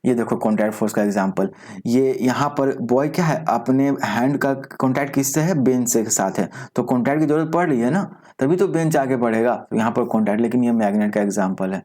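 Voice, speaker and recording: Man, science teacher, online lesson, rhetorical questions, slow read-out definitions, medium pitch. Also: darkish tone. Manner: explains with frequent rhetorical questions; mixes English terms into speech, reads definitions slowly. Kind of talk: recorded online class lecture.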